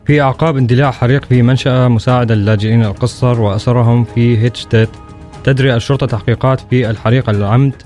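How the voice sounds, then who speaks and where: A man reading a news item in a brisk, even delivery. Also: mid-range voice, soft background music.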